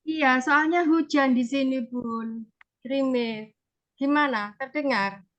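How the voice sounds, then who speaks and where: A woman's voice: sits high, takes it slowly. A woman speaking at an online webinar for teachers, politely checking whether she can be heard while her audio breaks up on a weak connection. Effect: choppy audio breaking up on a weak online connection. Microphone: video call. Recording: lo-fi video call audio.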